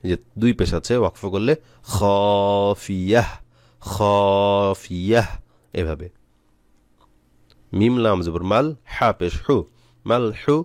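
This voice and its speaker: A man from Bangladesh teaching Quran reading, spelling out letters and vowel marks one by one, then stretching out each recited word slowly. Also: on the low side, no room sound. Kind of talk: step-by-step recitation lesson.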